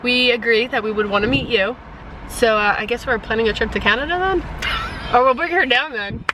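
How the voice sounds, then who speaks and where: A woman's voice: on the high side, fairly quick, noisy background. Chatty young woman vlogging casually. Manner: chatty, rambling with many fillers. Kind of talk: casual vlog chat.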